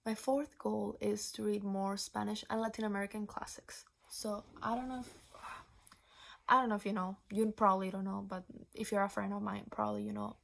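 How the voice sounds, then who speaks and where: A nineteen-year-old woman from Venezuela chatting casually as a book vlogger, rambling with restarts and slipping into breathy whispered asides. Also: mid-range voice, level tone, brisk. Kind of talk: casual chat.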